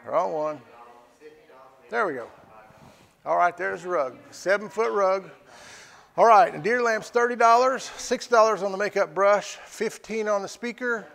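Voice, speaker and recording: High-pitched gravelly auctioneer man. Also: a bit bright. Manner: folksy, repeats prices and phrases. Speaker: live stream auctioneer and host. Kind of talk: live auction calling, casual and folksy. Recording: echoey hall with long reverb.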